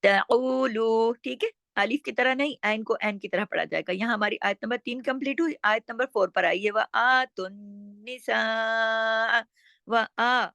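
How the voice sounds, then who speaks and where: A woman teaching Quran recitation step by step, explaining rules slowly and chanting words drawn out. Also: a little high, lively intonation, vocal fry, a bit bright, dry recording.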